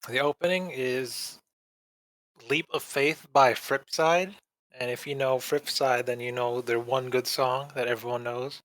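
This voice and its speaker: A man co-hosting an anime podcast, giving a rambling, deadpan and dismissive casual review. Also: mid-range voice, unhurried, dry recording. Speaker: podcast co-host.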